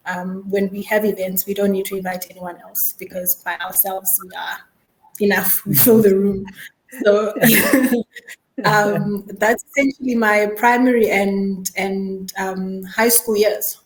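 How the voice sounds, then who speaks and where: A woman's voice: mid-range voice, fairly even intonation, unhurried. Chatty woman in an echoey room. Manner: chatty, with fillers. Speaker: guest. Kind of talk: casual conversation.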